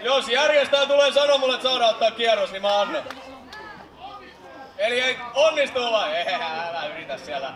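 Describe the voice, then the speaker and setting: A man's voice: very high-pitched, animated. A man hosting a live rap battle, hyping the audience with call and response. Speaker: battle host. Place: live block party stage. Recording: echoey, far from mic, crowd noise.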